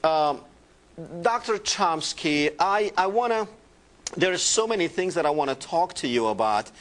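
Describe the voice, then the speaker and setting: Male TV host, middle-aged, a bit high and bright, halting and full of fillers. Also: expressive. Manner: halting, many filler sounds. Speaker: talk show host. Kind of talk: call-in TV interview.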